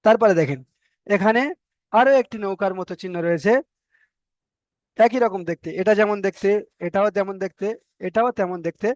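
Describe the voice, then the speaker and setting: A man with a Bengali accent and a fairly high voice, teaching Arabic letters in a patient, step-by-step way. He repeats each letter name and stretches the vowels to show the right length. The sound is close and dry, with no room around it. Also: a little fast, long pauses, dry recording. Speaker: Quran reading teacher. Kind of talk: explanatory online lesson.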